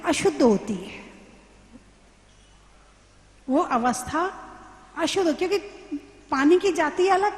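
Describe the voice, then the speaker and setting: High-voiced woman preaching in a hall. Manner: questions the audience and answers herself; slow, teacherly explaining with examples. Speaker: Jain nun giving a sermon. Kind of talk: sermon. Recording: roomy hall with long reverb.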